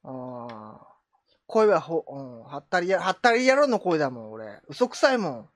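A woman's voice: sits low, sing-song, moderate pace, dry recording, studio quality. A woman streamer chatting casually with viewers, joking and teasing herself. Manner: joking, self-mocking, reacting to chat. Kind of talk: casual live chat.

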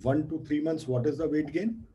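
Male quizmaster, North Indian accent, soft dark tone with a rough husky edge, informal revision session. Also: fairly high pitch, fairly even intonation, moderate pace, lo-fi sound. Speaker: quizmaster teacher. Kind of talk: informal oral quiz revision.

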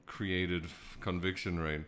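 A man's voice: sits low, flat delivery, slow, a bit bright, slight background noise. A young man co-hosting a casual podcast, sweary and mocking, laughing often. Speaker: podcast co-host.

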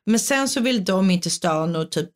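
A woman's voice: on the low side, expressive. A woman from Sweden in casual podcast chat, talking about herself with wry self-mockery. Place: lives in England.

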